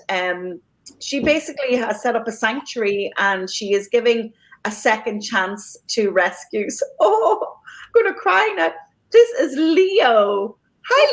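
A woman's voice: mid-range voice, a bit bright, rough recording. A woman hosting a podcast, talking casually and giving thanks with many fillers and restarts. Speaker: podcast host.

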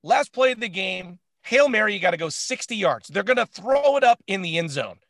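A man co-hosting a casual sports chat, animated and laughing often, with lots of filler words. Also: high-pitched, a little fast, dry recording, clean studio sound. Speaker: co-host.

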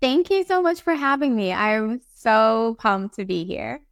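A woman's voice: on the high side, a little slow, no echo, clean studio sound. A woman from Barbados, a time management coach, chatting as an interview guest with lots of fillers and an upbeat manner. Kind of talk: casual interview talk.

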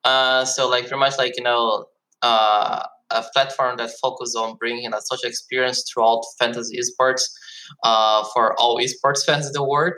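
A man's voice: medium pitch, steady tone, moderate pace, pushed and bright, poor audio. A man from Brazil, a guest on an interview podcast, answering casually. He sounds upbeat and leans heavily on "like" and "uh" as fillers. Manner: upbeat, heavy use of "like" and "uh" fillers. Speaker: guest, esports marketing executive.

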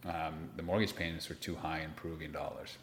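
An extremely low voice with flat delivery comes from a Lima-born investment manager in his forties, speaking a little fast. As an interview guest, he tells personal stories conversationally, and the recording sounds roomy and echoey.

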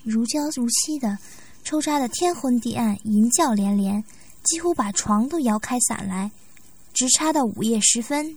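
A woman narrating a story in a steady reading voice. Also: on the high side, husky. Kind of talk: read-aloud story narration.

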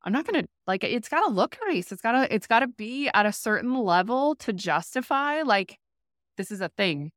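A rural entrepreneur appears as a podcast guest, telling a candid story in conversation. Her voice is on the high side with lively intonation and a moderate pace, recorded cleanly in a studio with no echo. She's animated, says "like" a lot, and acts out quotes.

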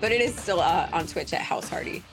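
A woman's voice: on the low side, expressive, brisk, creaky, over music. A woman guest on a talk show, chatting casually and upbeat about her projects. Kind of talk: casual chat.

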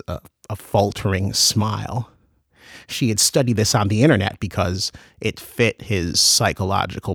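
Slow, gravelly male narrator. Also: on the low side, a bit bright, no echo, clean studio sound. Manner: measured, unhurried storytelling. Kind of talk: scripted audiobook narration.

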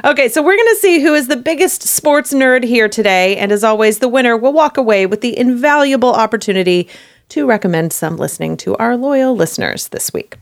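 A woman's voice: a little high, lively intonation, brisk. A woman from Texas hosting a podcast and running a playful quiz game in casual chat.

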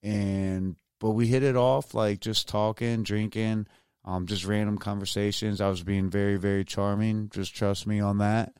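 A slightly tipsy man telling a rambling story on a podcast, in a lowish voice that stays smooth and resonant. The sound is dry and close, with no room around it. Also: little pitch movement, moderate pace, darkish tone, dry recording. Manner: rambling storyteller, self-mocking, restarts words. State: tipsy from drinking. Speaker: podcast co-host. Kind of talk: casual chat.

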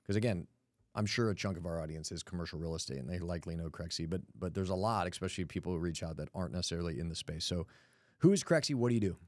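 A man's voice: low-pitched, very fast, darkish tone, no echo, studio quality. A man hosting a podcast interview in a casual, conversational style, with informal, teasing banter. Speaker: podcast host interviewing a guest.

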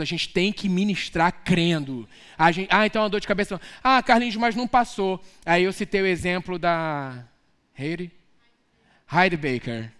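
A man with a Brazilian accent preaching a lively, story-filled sermon, rising into shouts at its peaks. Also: sits high, clear, resonant tone. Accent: Brazilian Portuguese.

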